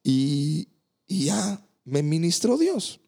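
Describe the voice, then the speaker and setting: A man, a pastor hosting a faith podcast, speaking earnestly with many halting restarts. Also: fairly high pitch, very animated, vocal fry, darkish tone.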